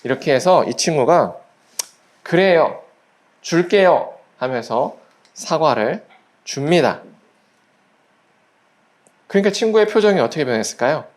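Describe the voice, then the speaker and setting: A pastor giving a children's sermon at a church service, gently asking the children quiz questions and acting out little voices in the story. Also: mid-range voice, lively intonation, moderate pace, long pauses. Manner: acts out little quoted voices while storytelling.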